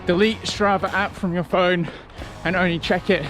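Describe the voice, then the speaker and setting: A man talking casually to camera as a running vlogger, in a reflective, conversational way with halting short phrases. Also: sits high, fairly even intonation, music in the background. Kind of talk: casual vlog talk to camera.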